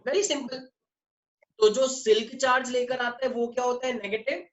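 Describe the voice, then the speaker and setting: A man's voice: extremely high pitch, steady tone, normal speed. A male physics teacher giving an online class lecture, mixing Hindi and English and constantly quizzing his students. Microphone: online class microphone. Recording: muffled online audio with faint noise.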